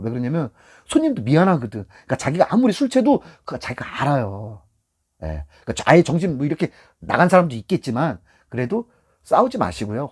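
Man, middle-aged, taxi driver, casual advice talk, acts out passengers, husky, lively pitch. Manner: acts out angry and soothing passengers. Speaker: taxi driver and channel host.

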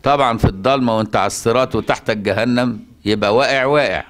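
A man with an Egyptian accent giving a colloquial Quran lesson, often asking his listeners if they follow and chanting verses slowly. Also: medium pitch, a bit bright. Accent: Egyptian Arabic. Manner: conversational, asks rhetorical checks, chants verses slowly. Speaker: Quran teacher.

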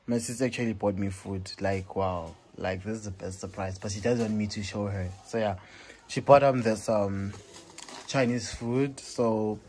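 Young Zambian man vlogging, low voice. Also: breathy edge. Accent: Zambian English. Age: young adult. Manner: relaxed, chatty, with many ums. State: has the flu. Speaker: student vlogger. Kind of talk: casual vlog chat to camera. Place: outdoor cafe terrace and indoor rooms. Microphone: phone held at arm's length.

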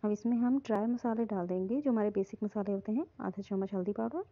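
Gravelly-voiced woman giving a home cooking lesson. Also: medium pitch, fast. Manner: calm, instructive, repeats "hum" often. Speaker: cooking channel host. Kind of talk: step-by-step recipe voice-over. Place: home kitchen. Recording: dull lo-fi phone audio.

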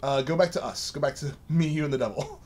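A man's voice: on the high side, fast talker, darkish tone. A man casually commenting on a game, playful and full of hesitant fillers. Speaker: gameplay commentator. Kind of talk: casual let's play commentary.

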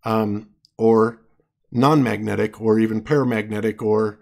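Hoarse man arguing his point. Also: on the low side, steady tone, darkish tone. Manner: halting, many restarts and fillers. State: losing his voice. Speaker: debater presenting evidence. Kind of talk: live online debate.

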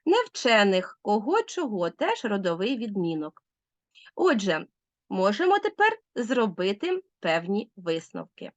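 A woman's voice: mid-range voice, wildly swooping pitch, measured pace, dry recording. A woman teacher giving a recorded grammar lesson, asking leading questions and answering them herself.

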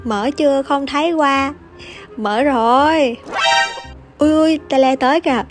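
A woman's voice: high-pitched, measured pace. A young woman gives teasing, chatty commentary over her gameplay and laughs often. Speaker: gaming YouTuber. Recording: voice over loud background music.

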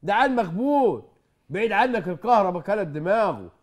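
A sly Egyptian cook. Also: male voice, high-pitched, animated, fast. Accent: Egyptian Arabic. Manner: evasive, tells tall tales. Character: sly male cook dodging blame. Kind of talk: comedy sketch acting.

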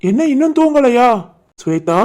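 A woman voicing a caring, gentle but firm father in an animated family drama, with a calm, reassuring manner and a Tirunelveli Tamil accent. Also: a little high, moderate pace.

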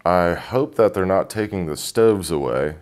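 A man's voice: low-pitched, lively intonation, measured pace, a little mellow, slight background noise. A man in his thirties speaking as a chef in an interview, casual and a little hesitant. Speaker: chef de cuisine, contestant. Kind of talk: on-camera interview. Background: guitar music.

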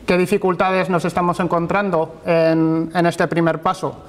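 Halting man giving a seminar talk. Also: fairly high pitch, flat delivery. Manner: halting, repeats words while searching for phrasing. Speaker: university lecturer presenting research. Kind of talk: academic conference talk. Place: lecture hall with projected slides.

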